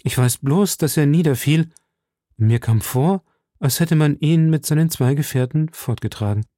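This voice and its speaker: A man reading as a gentle, pious musketeer. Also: on the high side, animated, normal speed, dry recording, clean studio sound, natural voice. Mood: mild. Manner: soft, modest. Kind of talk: audiobook reading.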